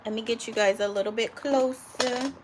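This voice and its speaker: A woman's voice: fairly high pitch, fairly even intonation, moderate pace, background noise. A woman home cook on a live cooking stream, chatting casually with viewers and calling them honey and guys.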